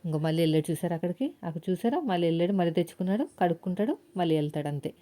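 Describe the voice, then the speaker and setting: A woman's voice: lowish voice, animated, racing, warm tone. A housewife vlogger chatting casually to her viewers while she cooks in her home kitchen, telling little stories as she goes. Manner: chatty, talks straight to viewers, tells stories. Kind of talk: casual vlog chat while cooking.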